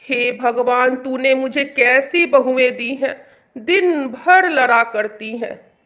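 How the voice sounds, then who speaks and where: A stern, sad old mother-in-law in an animated story. The voice sits high and bright, and she often sighs and scolds. The pace is unhurried. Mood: despairing. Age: older. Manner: sighing, scolding.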